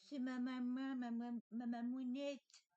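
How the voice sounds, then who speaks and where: A woman's voice: sits high, flat delivery, unhurried, dark tone, clean tone, lo-fi sound, voice pushed up. A woman voicing a cheerful, childlike male toy companion who talks in a chirpy, adoring way.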